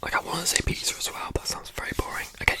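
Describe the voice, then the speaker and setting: A young adult speaking in a fast, breathy ASMR whisper, rambling informally and repeating words while answering questions.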